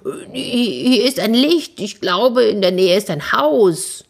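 Woman doing a rooster, frightened, agitated, stammering, high-pitched. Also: measured pace, bright, forceful tone. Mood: excited. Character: frightened rooster, loud and fretful.

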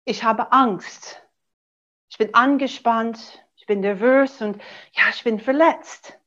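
A middle-aged American woman, a native English speaker, coaching a webinar in German in an animated way and acting out short sample dialogues, on dull lo-fi webinar audio. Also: a little high, slow. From USA. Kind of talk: webinar teaching.

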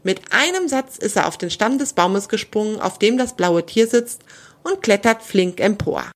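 A woman's voice: mid-range voice, animated, normal speed. Woman narrating a children's story.

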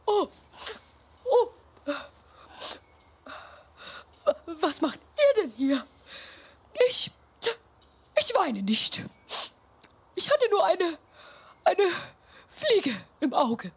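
A woman's voice: extremely high pitch, big pitch swings, takes it slowly, long pauses, full character voice. Woman voicing a prim old grandmother mouse. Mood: defensive. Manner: stammering, breathy, half-whispered.

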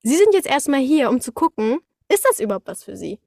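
A woman with a high, creaky voice talks fairly quickly, casually explaining her work as a voice actor during an interview. She brings her stories to life with little acted-out sound words, and the clean studio recording has no room sound.

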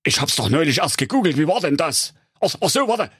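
A man's voice: fairly high pitch, very animated, fairly quick, a bit bright, breathy edge, no room sound, clean studio sound, voice pushed up, heavily acted. A man voicing a dim-witted handsome young man in a comic fairy tale, talking in a bumbling, flustered way.

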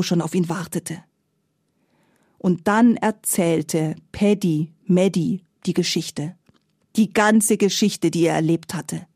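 A woman storyteller narrating a fairy tale in a lively, playful way, recorded close and dry. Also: on the low side, no echo.

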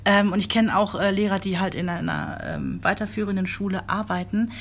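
A woman's voice: mid-range voice, fairly even intonation. A woman in her forties in casual conversation who reacts readily with short, supportive comments. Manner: supportive listener, quick interjections. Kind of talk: casual chat.

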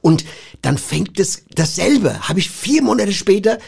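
Gravelly, husky comedian telling muddled stories. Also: male voice, sits high, sing-song, measured pace, a little mellow. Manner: meandering, muddled storyteller. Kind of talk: comedy sketch banter.

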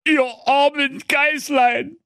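A man's voice: very high-pitched, flat delivery, creaky, bright, forceful tone, dry recording, clean studio sound, voice pushed up, full character voice. A man voicing a grumpy, easily moved police inspector in a comic fairy tale, grumbling and exasperated. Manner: slow, exasperated, sing-song grumbling.

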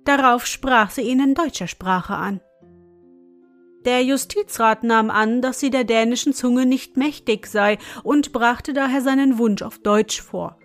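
A woman narrating an audiobook story in a measured storytelling manner. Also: a little high. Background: faint music.

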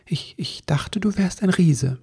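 A man's voice: sits high, normal speed, warm tone, slightly rough, voice pushed up. A man voicing a small, shy male Christmas elf in a storybook reading, stammering and half-whispering. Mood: timid.

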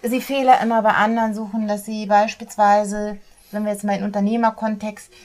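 A woman guest in an interview, an author and speaker, explaining her models in a lively way and slipping into little acted quotes. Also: mid-range voice, a little fast.

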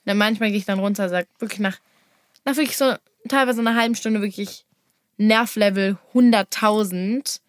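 A young woman, a podcast co-host, speaking in a defensive, sighing way, quick to protest. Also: mid-range voice, steady tone, no room sound, studio quality. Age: teens or young adult. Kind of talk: casual family podcast chat. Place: recording studio. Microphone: studio mic.

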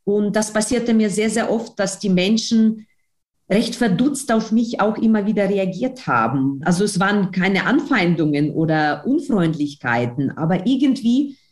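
An animated woman with a mid-range, darkish voice talks at a moderate pace in accented German, which isn't her first language. She's from outside Germany and appears as an interview guest, a newspaper editor who trains trainees, giving a personal account with words repeated for emphasis.

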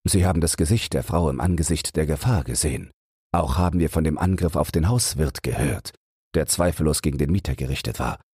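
Male reader as keen analytical detective, low husky voice, dry close mic. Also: a little mellow, no echo. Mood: reasoning. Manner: measured, reasoning aloud. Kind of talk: audiobook read for sleep.

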